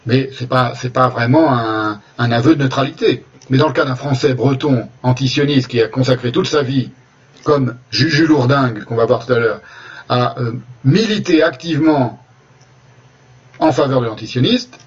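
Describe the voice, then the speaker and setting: A man lectures in a husky, slightly breathy voice, working through his points deliberately and often restarting a phrase. The recording sounds dull and lo-fi, missing its highs. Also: far from the mic. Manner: deliberate, with frequent restarts and hesitations. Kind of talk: spoken lecture with slides.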